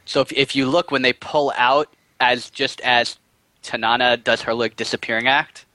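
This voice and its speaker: A man co-hosting a casual movie podcast, explaining scenes with quick restarts. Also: medium pitch, steady tone, bright, forceful tone, no room sound, poor audio. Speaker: podcast co-host.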